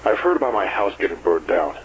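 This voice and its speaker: Man playing a curt, low-voiced fugitive criminal. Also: lively intonation, fast, slight background noise, low-quality recording. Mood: irritated. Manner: curt, commanding, swearing. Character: ruthless, impatient man on the run from prison. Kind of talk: dramatized phone-call audio drama.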